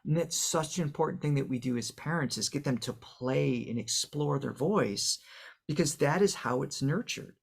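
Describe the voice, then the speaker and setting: A man's voice: on the high side, moderate pace, vocal fry, breathy edge. A man, a voice coach and guest on an interview podcast, explaining how speech and singing work through examples, with the odd filler.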